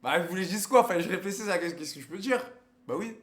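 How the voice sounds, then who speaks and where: A man's voice: high voice, animated, very fast, fairly bright tone. Slangy young man streaming. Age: 20s. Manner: crude, slangy, teasing, swears often. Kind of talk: casual live stream chat on random video calls.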